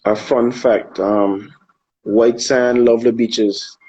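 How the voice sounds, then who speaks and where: A man from Anguilla, a soca artist chatting casually in an interview, relaxed and hesitant, often repeating words while he thinks. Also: mid-range voice, takes it slowly, highs cut off, a little hiss or hum. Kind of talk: casual interview over a live video call. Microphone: phone on a live video stream.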